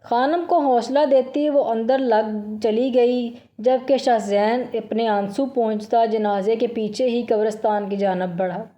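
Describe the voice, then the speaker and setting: A woman reading a novel aloud as narrator, in a steady, emotional storytelling voice. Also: fairly high pitch, few pauses, dull audio.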